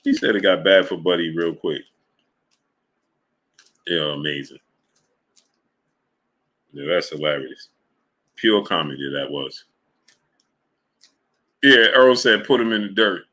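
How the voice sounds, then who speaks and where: A man hosts a casual sports live stream, reading super chats and telling stories in an animated way. His voice sits a little low but sounds bright and forceful. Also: takes it slowly, pauses often. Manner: animated storytelling, reads super chats, laughs often. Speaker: sports channel host.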